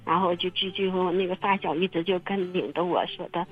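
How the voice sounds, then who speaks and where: A woman telling her own story in casual testimony, halting and repeating her words with many fillers. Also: on the low side, steady tone, slightly rough, soft background music. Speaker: testimony guest. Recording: muffled phone-line radio recording.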